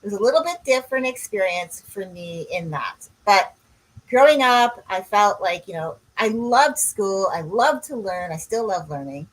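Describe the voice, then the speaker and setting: A woman's voice: medium pitch, animated, moderate pace, poor audio. A woman, a coach co-hosting a podcast in casual chat, rambling and drifting off on tangents. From Canada. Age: 60s.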